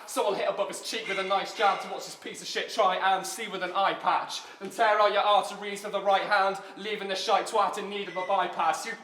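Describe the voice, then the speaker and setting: Brash battle rapper in a roomy hall. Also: male voice, high-pitched, pushed and bright. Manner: insulting, boastful, crude. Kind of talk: battle rap verse. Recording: roomy and noisy live venue.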